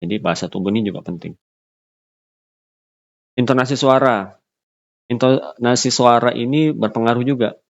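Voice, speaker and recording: A man giving an unscripted lecture, pausing often with fillers and restarting his phrases. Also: medium pitch, gravelly, muffled recording. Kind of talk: recorded lecture.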